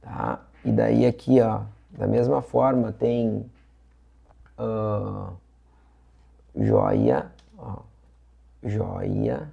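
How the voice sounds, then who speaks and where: A man walks students through exam questions in a chatty, repetitive teaching style. His voice is heavily gravelly and very dark, with a husky edge. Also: fairly low pitch, lo-fi sound. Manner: chatty, repeats points with frequent "tá?" and "ó". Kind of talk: casual online lesson.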